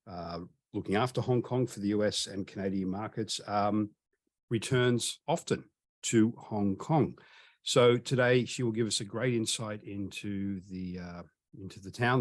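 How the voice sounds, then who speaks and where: A man hosting a travel webinar over a video call, chatty and friendly, with frequent ums and restarts. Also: on the low side. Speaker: webinar host.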